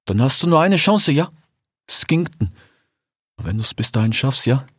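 A man's voice: medium pitch, big pitch swings, measured pace, slightly rough, no room sound, clean studio sound. An actor playing a talkative male desert fox merchant in an audiobook fairy tale, tagging his sentences with a questioning "ja?". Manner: chatty, ends phrases with 'ja?'.

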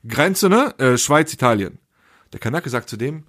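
A man chats on a podcast in loose street slang and jumps into the voices of the people in his story. His voice is a little husky. The sound is dry, with no room around it. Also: mid-range voice, moderate pace, dry recording. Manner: slangy, animated storyteller acting out dialogue. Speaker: podcast co-host. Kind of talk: casual chat, anecdote storytelling.

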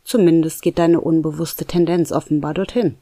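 Patient wise roommate guy, storyteller voicing him, calm and encouraging, dry sound. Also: medium pitch, normal speed, no room sound, close to an everyday voice.

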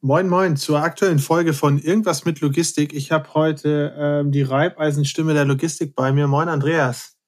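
A man hosts a podcast in a casual moderating style. His voice sits a little higher than most men's, and he speaks conversationally. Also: fairly even intonation, moderate pace, faint music behind. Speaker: podcast host.

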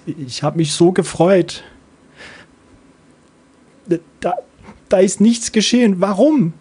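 A woman's voice: on the low side, expressive, unhurried, mellow, slightly rough, pitched above the performer's own voice, heavily acted. A man voicing a naive, curious little girl who stammers with childlike eagerness. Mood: bewildered.

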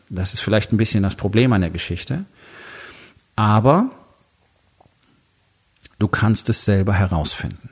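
A man with a husky voice talking to the listener in a casual monologue, blunt and crude, full of fillers, acting out his own inner doubts as quoted asides. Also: fairly low pitch. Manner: blunt and conversational, with crude words and many fillers.

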